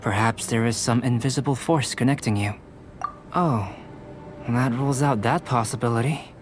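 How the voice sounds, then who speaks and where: Calm, analytical young alchemist played by a man. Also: medium pitch, natural voice. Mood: curious, analytical. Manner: measured, clinical, precise, unruffled. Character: calm, curious young male alchemist researcher, detached and analytical. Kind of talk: animated video game character acting. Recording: music behind the voice.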